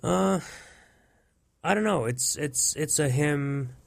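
A man's voice: a little high, lively intonation, slow, gravelly, no echo. A man from Finland, a church music producer thoughtfully answering interview questions. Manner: thoughtful, searching for words.

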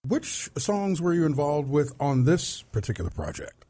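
A man's voice: a little high, very animated, moderate pace, mellow. A man interviewing a church musician, asking brief conversational questions.

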